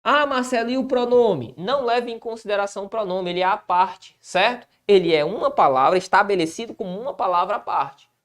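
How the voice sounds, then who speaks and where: A man teaching a Portuguese lesson for exam prep, lively, with frequent tag questions he answers himself and words drawn out slowly for emphasis. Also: high voice. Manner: asks and answers his own tag questions.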